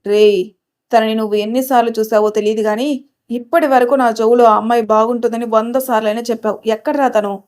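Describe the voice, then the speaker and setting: A man's voice: sits high, steady tone, a little fast, darkish tone, clear, resonant tone, close to an everyday voice. A woman doing a cool, offhand young hero.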